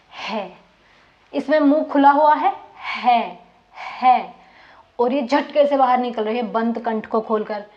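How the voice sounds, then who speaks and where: A woman's voice: on the high side, a little mellow, dull audio. A woman teaching a lesson on Hindi consonants, patiently demonstrating each sound and repeating it for her students.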